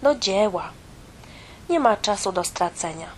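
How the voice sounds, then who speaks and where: A woman's voice: mid-range voice, expressive, a little slow, slight background noise, natural voice. A woman playing a motherly computer mouse. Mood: reassuring.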